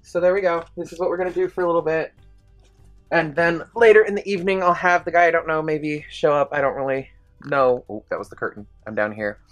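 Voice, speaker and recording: A woman's voice: low-pitched, fairly even intonation, fast, faint music behind. A woman vlogging casually to a handheld camera, chatty and rambling, often poking fun at herself. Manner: chatty, rambling, self-deprecating. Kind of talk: casual diary vlog to camera.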